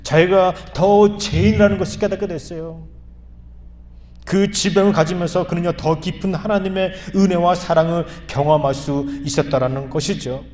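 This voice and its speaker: A man preaching a sermon as pastor, earnest and repeating phrases for emphasis, often rising to loud pleading. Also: high-pitched, fairly even intonation, normal speed. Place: church sanctuary. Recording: hall reverb.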